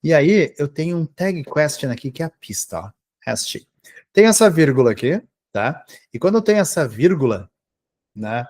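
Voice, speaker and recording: A man's voice: a little high, very animated, normal speed, a little mellow. A man teaching English grammar to Brazilian students, explaining step by step and checking in with the class after almost every phrase. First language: Portuguese. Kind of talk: grammar lesson for exam prep.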